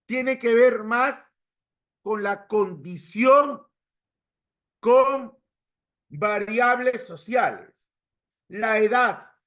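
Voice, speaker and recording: A male teacher from Peru delivers a lively classroom lecture in a high, very animated voice, never rushing. He keeps checking on the class, asking them for confirmation, and mimics regional accents.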